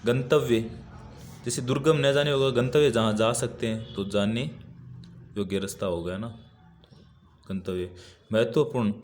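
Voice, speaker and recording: A man teaching a workbook lesson at a medium pitch, walking through the answers with patient repetition of each word. Faint background noise sits under his voice. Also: steady tone, moderate pace, pauses often, darkish tone. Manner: patient, repeats each word while writing it.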